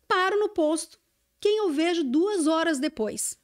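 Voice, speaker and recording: Woman, high and very expressive voice, animated podcast storyteller who acts out the lines. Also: a little slow. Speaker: podcast guest, TV journalist. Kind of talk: casual storytelling chat.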